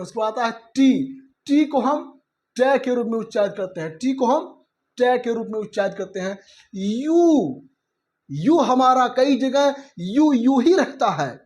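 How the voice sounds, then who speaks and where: A man with an Indian accent teaching English letter sounds, repeating each point slowly as he explains. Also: extremely high pitch. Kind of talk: spoken alphabet pronunciation lesson.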